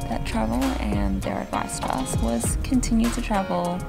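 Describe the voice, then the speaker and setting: A travel vlogger in her 20s chats casually to a handheld camera held at arm's length, outdoors on a forest hiking trail and summit and later in a car. Her voice is a little high, sing-song and creaky at normal speed, with loud music behind it.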